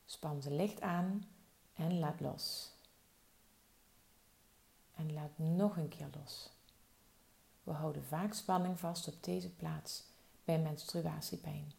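A woman leads a slow body-relaxation meditation in a soft, soothing way. Her voice is low and mellow, with a heavy gravelly fry. She lets each instruction settle before moving on. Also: fairly even intonation. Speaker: relaxation guide.

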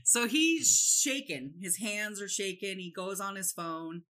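A woman's voice: medium pitch, unhurried. A woman telling a story in casual chat, acting out the quotes of others. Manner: animated storytelling, acts out quotes.

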